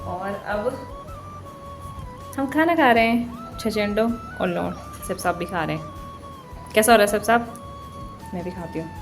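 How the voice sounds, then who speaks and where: A woman's voice: mid-range voice, measured pace, long pauses. A woman vlogging casually at home, chatty and teasing, often breaking into laughs. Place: home kitchen and indoors. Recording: echoey room with music behind.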